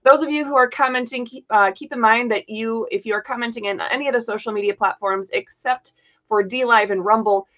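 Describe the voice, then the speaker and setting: A woman's voice: on the high side, brisk, fairly bright tone, dull audio. A woman hosting a live talk show, chatting casually in a rambling way with lots of fillers and playful teasing. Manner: chatty and rambling, many fillers and self-corrections. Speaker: podcast host. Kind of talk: casual livestream chat.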